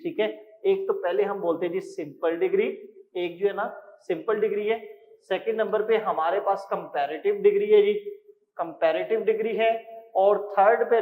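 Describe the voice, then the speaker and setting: A man teaching English grammar in a classroom lecture, explaining step by step and reading example sentences slowly. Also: sits high. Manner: explains step by step, often adds "ठीक है" and "जी". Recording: tinny phone-like sound with long reverb.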